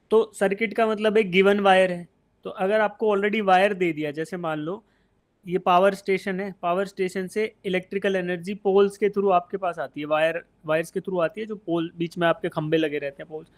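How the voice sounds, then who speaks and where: The speaker is an Indian man teaching physics live online to exam candidates, his voice fairly high. He goes through the concept piece by piece, asks questions and then answers them himself, and frequently calls his students "beta," with the technical parts coming out.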